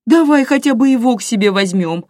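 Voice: mid-range voice, expressive, fairly quick, darkish tone, no room sound, studio quality, voice pushed up, lightly acted. An audiobook reader voicing a fretful, tearful elderly grandmother who speaks plaintively in a raised voice. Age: older.

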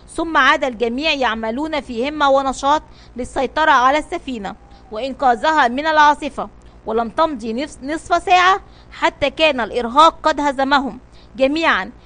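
A woman's voice: high voice, fairly bright tone. A woman narrating a children's audio story in a dramatic storybook reading style.

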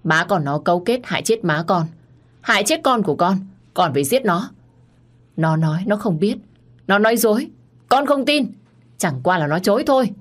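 A woman voicing a hot-tempered young man who shouts and threatens in an audio story. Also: medium pitch, lively intonation, normal speed, long pauses, pitched above the performer's own voice, natural voice. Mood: furious.

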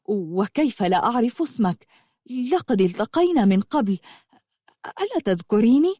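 A woman's voice: mid-range voice, sing-song, moderate pace, dark tone, no echo. An earnest, lovesick young man, as a woman narrator puts him on, caught off guard and explaining himself in a storybook reading. The voice rises and falls freely and sits close and dry.

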